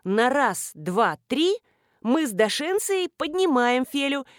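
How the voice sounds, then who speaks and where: A woman reading the lines of a bossy woman blogger who gives brisk orders, for an audiobook. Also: high-pitched, sing-song, no room sound, studio quality, voice pushed up, exaggerated voice. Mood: commanding.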